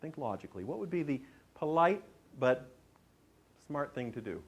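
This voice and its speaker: A man's voice: mid-range voice, moderate pace, husky. Guy lecturing a class on presenting, keeps quizzing the room, mid-range voice. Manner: lively, asks the audience questions. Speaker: presentation skills teacher.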